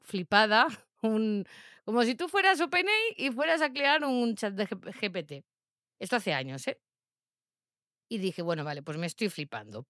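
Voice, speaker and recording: A woman talks in a lively, self-mocking way. She jumps into quick asides and keeps up a chatty energy. The sound is close and dry, with no room echo. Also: mid-range voice. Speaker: dog trainer presenting her AI project. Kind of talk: casual spoken monologue.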